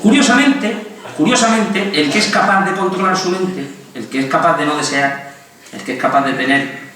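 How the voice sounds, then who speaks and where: Animated lecturing doctor in an echoey hall. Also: male voice, a little high, normal speed, far from the mic. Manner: animated, humorous, acts out quotes. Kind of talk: lively public lecture. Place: hospital auditorium.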